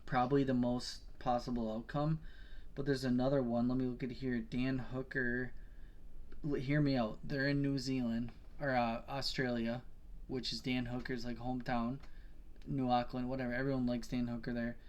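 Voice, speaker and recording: A man's voice: mid-range voice, little pitch movement, normal speed, darkish tone. A man co-hosting a podcast, chatting casually about his betting picks, rambling, swearing and correcting himself as he goes. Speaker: podcast co-host.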